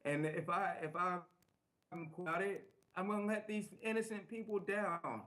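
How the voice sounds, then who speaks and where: A man's voice: high voice, moderate pace, pushed and bright, low-quality recording. A man being interviewed as a guest, speaking earnestly and emphatically, repeating his phrases.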